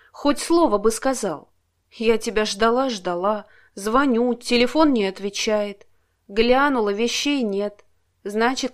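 Clingy young woman, voiced by a woman, tearful, pleading, slow-paced audiobook. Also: fairly high pitch, lightly acted. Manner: pleading, emotional, raised voice.

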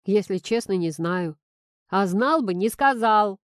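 A woman's voice: mid-range voice, lively intonation, unhurried, clean tone, no echo, natural voice. Lady doing a smug evasive boss guy, drawly and mocking, dry close audio. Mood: smug, drawling. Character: middle-aged male boss, smug and evasive.

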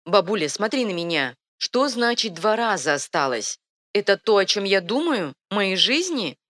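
A woman voicing a headstrong young princess with a sharp, insistent manner in an audiobook. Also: medium pitch, big pitch swings, normal speed, voice pushed up. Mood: urgent. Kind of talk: audiobook reading.

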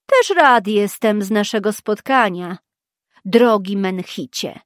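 A woman voicing a calm, steady male witcher who speaks in a measured way. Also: mid-range voice, no echo, studio quality, lightly acted. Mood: wry.

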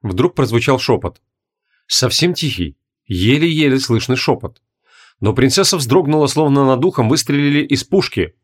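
A man reading a fantasy audiobook in measured, deliberate narration. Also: medium pitch, animated. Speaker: audiobook reader. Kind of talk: scripted narration.

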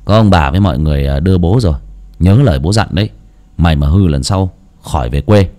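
Middle-aged father, low-voiced, gentle yet firm, played by a man. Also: expressive, fast. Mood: tender.

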